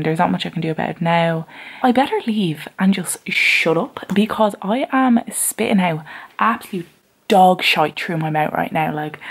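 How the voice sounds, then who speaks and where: A woman talks casually to the camera she is filming with at home. Her voice has a gravelly fry to it. She rambles along, teasing herself in a playful, self-mocking way. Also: fairly low pitch. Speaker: vlogger. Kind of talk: casual self-filmed vlog chat. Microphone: camera she is talking into.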